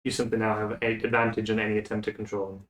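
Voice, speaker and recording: A man running a tabletop game as game master, talking in a relaxed, hesitant way with many fillers. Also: on the low side, quick pace, echoey room, poor audio.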